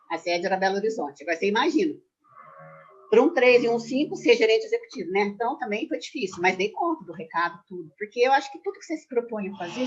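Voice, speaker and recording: Retired numerologist guest in her sixties, rapid and emphatic, muffled lo-fi video-call sound. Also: medium pitch, husky. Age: 60s. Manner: animated storyteller, quick and emphatic. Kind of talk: casual chat on a video call.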